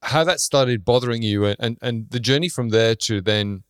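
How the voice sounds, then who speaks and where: A man's voice: medium pitch, normal speed, clear, resonant tone, no room sound, studio quality. A man co-hosting a podcast, interviewing in an informal, conversational and rambling way. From Ireland or Britain. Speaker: podcast co-host.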